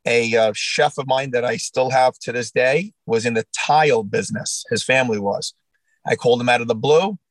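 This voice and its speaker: A man's voice: medium pitch, moderate pace, dry recording, rough recording. A man with a New Jersey accent, a restaurant owner telling his story in a casual interview and acting out the dialogue. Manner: animated storyteller, acts out quoted dialogue.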